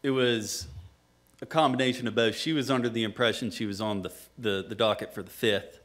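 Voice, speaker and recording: Low, even-toned man giving a report. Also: brisk. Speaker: city staff member. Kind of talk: factual spoken report at meeting.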